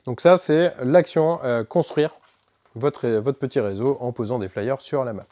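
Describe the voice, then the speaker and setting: Man, game shop presenter, casual rules walkthrough, middle pitch. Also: measured pace, warm tone. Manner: casual, filler-heavy walkthrough with self-corrections.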